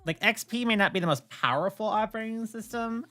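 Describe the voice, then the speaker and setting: A woman streamer and host with a mid-range voice talks a little fast during a casual livestream chat. Her storytelling is animated, blunt, and opinionated, with swearing mixed in.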